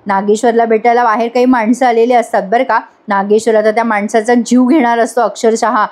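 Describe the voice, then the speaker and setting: A chatty woman recaps a TV serial episode in a voice-over, addressing her viewers directly as she goes. Her voice sits a little high. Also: level tone, fairly quick, darkish tone. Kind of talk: casual episode recap narration.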